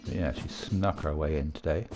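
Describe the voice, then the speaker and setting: A man's voice: extremely low pitch, normal speed, noisy background. A man hosting a casual gameplay video from a room at home, chatting and rambling with frequent laughs. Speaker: gaming video host.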